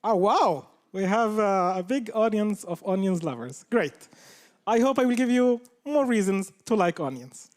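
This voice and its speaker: A man's voice: sits high, lively intonation, normal speed. A man, telling a humorous personal story to a live audience. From Palestine. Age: 30s. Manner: humorous, anecdotal. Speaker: speaker at a live talk.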